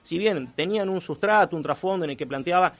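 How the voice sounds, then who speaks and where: An Argentine man presents a conversational radio column on culture, reflective and halting as he searches for words. His voice sits high.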